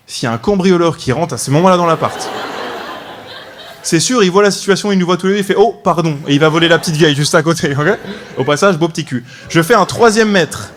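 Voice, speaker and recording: A man's voice: a little high, a little hiss or hum. A man in his twenties performing a stand-up comedy routine, telling a story with frequent "ok?" asides to the audience. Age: 20s. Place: comedy stage before a live audience.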